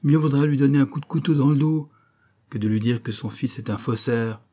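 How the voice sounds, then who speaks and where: Audiobook role: a male reader voicing a despairing young gentleman, plaintive and stammering, pitched higher and pushed louder. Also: fairly quick, close to an everyday voice. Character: distraught young man, rich man's son, despairing. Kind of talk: audiobook character voice.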